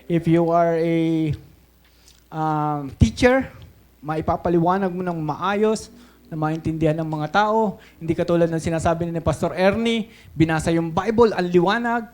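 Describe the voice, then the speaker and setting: A man's voice: a little high, unhurried, a little mellow. A Filipino man preaching a sermon as pastor, telling stories with animation, switching between English and Tagalog and often checking in with "Okay?".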